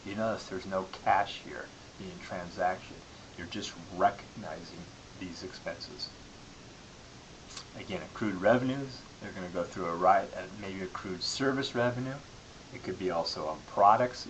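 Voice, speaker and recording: Low-voiced male lecturer over hiss. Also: a bit bright, low-quality recording. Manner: explanatory, with repeated phrases and halting restarts. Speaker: accounting lecturer. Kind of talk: classroom-style lecture. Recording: clearly audible background hiss.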